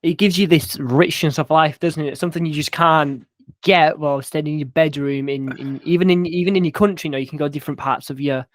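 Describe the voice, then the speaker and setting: A man's voice: fairly high pitch, no echo, clean studio sound. A young man hosting a podcast, chatting casually and swearing now and then. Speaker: podcast host.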